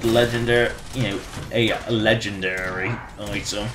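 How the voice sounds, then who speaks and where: A man's voice: lowish voice, steady tone, measured pace, noisy background. A man livestreaming a game with casual, rambling commentary. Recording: roomy echo, faint game music behind.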